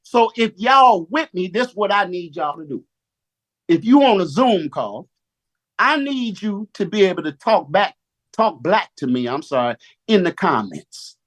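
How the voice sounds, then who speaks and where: A man giving a preacher-style motivational talk on a Zoom call, animated and slang-heavy, calling on listeners to answer back. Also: sits high, unhurried.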